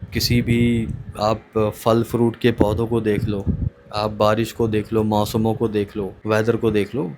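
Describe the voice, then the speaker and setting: A man's voice: mid-range voice, noisy background. A man in his thirties, a channel host, talks in a reflective, conversational monologue and slips English phrases into his speech. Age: 30s.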